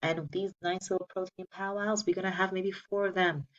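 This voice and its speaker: An upbeat woman leads a pre-op class with a playful manner, drilling the key rules and getting the class to repeat them. Her voice sits a little low and is heard from some distance from the mic, with a dull, lo-fi sound. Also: little pitch movement, a little fast. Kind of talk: recorded patient education class.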